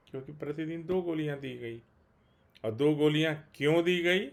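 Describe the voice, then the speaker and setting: A man speaking as a spiritual teacher in a daily talk, earnest and emphatic, repeating key phrases and reciting slow chant-like invocations. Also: mid-range voice, creaky.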